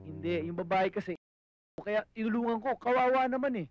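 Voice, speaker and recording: An actor playing a caught-out young boyfriend who pleads and coaxes, in dry, dull film dialogue with music. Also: male voice, high voice, expressive, brisk. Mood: pleading. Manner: pleading, coaxing. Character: sweet-talking caught-out boyfriend, young man.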